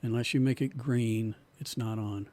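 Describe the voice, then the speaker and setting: A man teaching an online music production class in a relaxed way, often repeating himself as he explains, and losing his voice. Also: medium pitch, normal speed.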